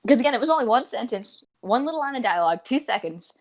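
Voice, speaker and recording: A woman's voice: a little high, expressive, fast, muffled recording. A woman co-hosting a podcast in casual chat, eager and rambling, often restarting her sentences. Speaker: podcast co-host.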